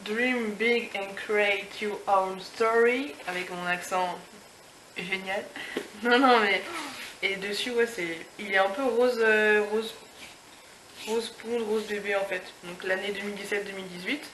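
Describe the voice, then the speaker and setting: A woman's voice: medium pitch, fairly even intonation, a little slow, fairly bright tone. A young woman vlogger chatting casually through an unboxing review, gushing over the item, with many fillers and restarts. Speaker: beauty and lifestyle vlogger. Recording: echoey room with background noise.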